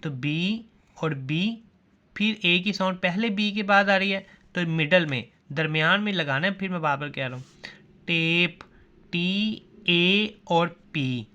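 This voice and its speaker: Man, shorthand teacher, bright clear voice, drills students by asking and answering himself. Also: high voice, unhurried, highs cut off. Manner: repeats questions and answers them himself. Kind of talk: classroom lesson.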